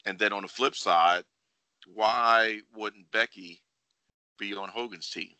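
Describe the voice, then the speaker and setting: Low, very bright forceful man. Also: fairly even intonation, slow pace, smooth, dry recording. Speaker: wrestling podcast host. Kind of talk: casual sports chat with speculation.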